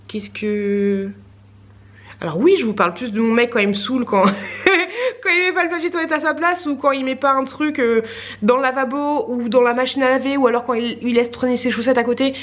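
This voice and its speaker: A woman vlogger in her thirties, her voice a little high, chats casually to camera in a rambling way, full of fillers and little laughs.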